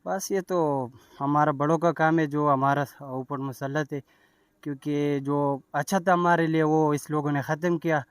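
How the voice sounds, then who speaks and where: A man with a Pakistani accent talks at length from his clothing stall, explaining how things have changed. His voice sits a little high, recorded dry and close. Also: fairly even intonation, normal speed, smooth, no room sound. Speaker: jacket stall owner. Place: outdoor street market.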